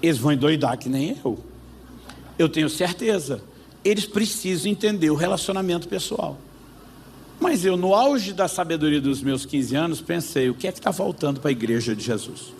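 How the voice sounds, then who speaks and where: A Brazilian pastor preaching in a lively storytelling way, acting out each side of a remembered conversation. His voice sits slightly high and has a gravelly edge. Faint background noise runs under the recording. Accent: Brazilian Portuguese. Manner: lively storyteller acting out both sides of a dialogue. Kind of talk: sermon storytelling.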